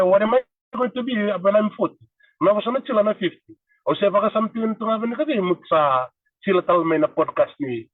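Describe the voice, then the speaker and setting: A man's voice: high-pitched, no room sound, far from the mic, narrow, tinny audio. A man in his thirties with a Fijian accent, talking earnestly as a podcast guest in casual chat and switching languages. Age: 30s.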